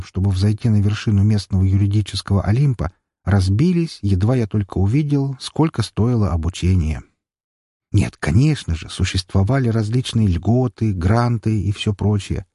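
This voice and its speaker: A man's voice: on the low side, warm tone, breathy edge, no room sound, studio quality. A man reading a first-person audiobook in a wry, sardonic storytelling manner. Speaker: audiobook narrator.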